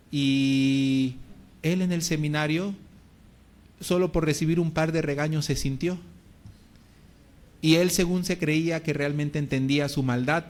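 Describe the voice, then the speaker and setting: A Mexican pastor in his sermon, telling a story in plain everyday words with animated, storytelling energy. His voice sits a little above the usual for a man. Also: on the high side. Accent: Mexican Spanish. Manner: lively storytelling with colloquial words.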